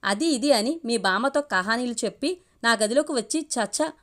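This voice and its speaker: A woman's voice: fairly high pitch, animated, moderate pace, a bit bright. A woman voicing an angry, indignant young woman who scolds sharply, in a story reading. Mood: furious.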